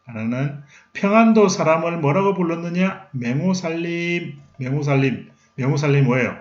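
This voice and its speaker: A man's voice: on the high side, fairly quick. Middle-aged man lecturing in a roomy hall. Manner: asks questions and answers them himself, lively. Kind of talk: recorded history lecture. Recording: roomy, slightly dull lecture recording.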